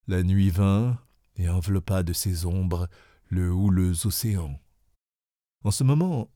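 Slow, low-voiced male audiobook narrator. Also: dark tone, no echo, studio quality. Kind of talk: first-person audiobook narration.

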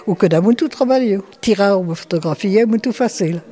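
Elderly woman, nineties, mellow voice, reflective. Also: medium pitch, lively intonation. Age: 90s. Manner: slow, thoughtful, with hesitations and restarts. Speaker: interviewee. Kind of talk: reflective interview answers.

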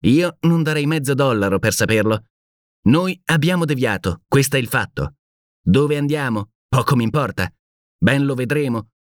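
A man voicing a cheerful, carefree male space traveler in an audiobook, talking in a lively, nonchalant way. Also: medium pitch, moderate pace, dry recording, clean studio sound, voice pushed up, close to an everyday voice.

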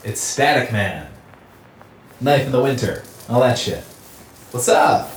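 A man's voice: medium pitch, lively intonation, slow pace. A man playing a laid-back, bodiless, staticky figure who talks in casual slang. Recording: roomy echo with faint hiss.

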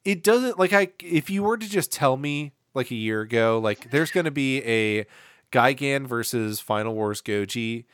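A man co-hosts a podcast in loose, animated chat, joking and rambling as he works through his points. His voice is mid-pitched. The recording is close and dry, with no room sound. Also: normal speed, clear, resonant tone, no echo. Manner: animated, rambling, jokey, with frequent restarts. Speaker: podcast co-host. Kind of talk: casual chat.

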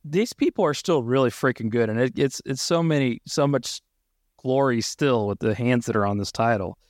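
A man's voice: mid-range voice, normal speed, dry recording, studio quality. A man co-hosting a wrestling podcast, enthusiastic, reading out title history in casual chat. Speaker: podcast co-host.

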